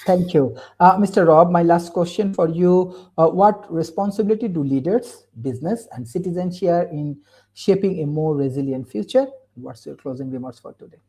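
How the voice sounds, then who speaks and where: Husky, mellow male panel moderator. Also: on the high side, moderate pace. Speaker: conference host and moderator.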